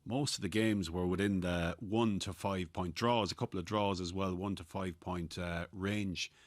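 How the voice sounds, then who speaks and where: Low-voiced Irish man talking sport. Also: steady tone, moderate pace, no room sound, clean studio sound. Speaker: Gaelic football pundit. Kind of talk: sports discussion.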